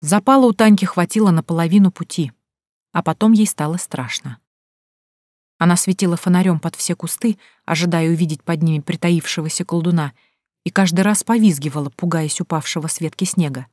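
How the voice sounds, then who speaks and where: A woman narrates a story in the first person, measured and expressive. Her voice sits fairly low, and the recording is dry and close with no room sound. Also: no room sound. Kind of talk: audiobook narration.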